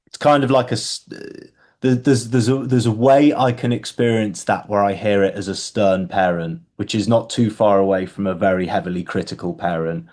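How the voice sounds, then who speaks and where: A man with a somewhat low voice hosts a casual group call. He thinks out loud, restarting and repeating words as he works his way to the point. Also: fairly even intonation, moderate pace. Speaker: book club host.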